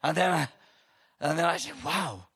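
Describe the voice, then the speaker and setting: A man's voice: medium pitch, a little slow. Older man telling a story. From Wales. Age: 70s. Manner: hesitant with many ums, animated when telling the story. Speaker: guest speaker at an event. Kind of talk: humorous storytelling speech. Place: in front of a live audience.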